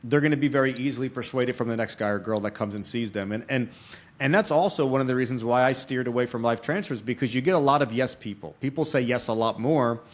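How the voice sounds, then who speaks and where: A podcast host who is also an experienced salesman interviews a guest, talking fast at a medium pitch. He explains things conversationally and keeps checking in with his listener.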